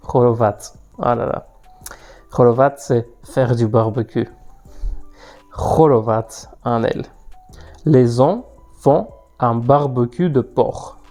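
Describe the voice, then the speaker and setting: Slow, mellow man teaching. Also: mid-range voice, faint music behind. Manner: patient, repeats words for learners to echo. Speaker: language teacher. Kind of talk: online language lesson.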